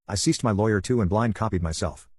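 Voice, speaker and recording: A man narrating a first-person story in a calm, steady storytelling manner, recorded close on a studio mic. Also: fairly low pitch, quick pace, breathy edge, no room sound.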